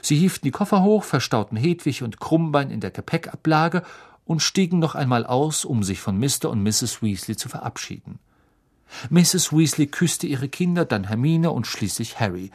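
A man narrating a children's fantasy audiobook in a lively, expressive storytelling manner. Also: mid-range voice, husky.

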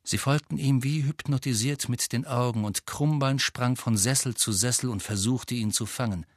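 A man narrating a storybook in a calm, measured way. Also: mid-range voice, dry recording, studio quality. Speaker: audiobook reader.

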